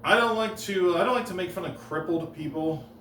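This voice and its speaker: This is a man doing stand-up on a comedy stage, his delivery deadpan and halting, full of pauses and restarts ahead of each punchline. The mic sits a bit back, so his mid-pitched voice rings in the roomy space over faint room noise.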